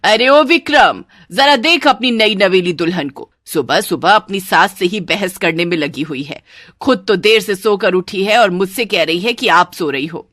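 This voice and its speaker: A woman's voice: low voice, fairly bright tone, no echo, studio quality, voice pushed down. Woman doing a stern nagging mother-in-law. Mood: scolding. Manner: nagging, slow and commanding. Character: stern scolding middle-aged mother-in-law. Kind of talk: cartoon story voice acting.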